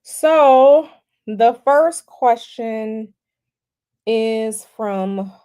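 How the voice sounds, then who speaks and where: With a slightly high, warm and smooth voice, a woman hosts a tarot livestream despite a cold that leaves her sniffly. Her casual speech is halting and repetitive, with many fillers.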